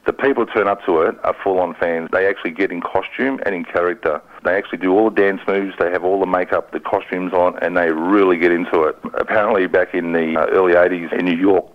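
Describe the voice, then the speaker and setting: A man's voice: low-pitched, fairly even intonation, fast, hardly any pauses, narrow, tinny audio. A man casually sharing film trivia as a radio review presenter.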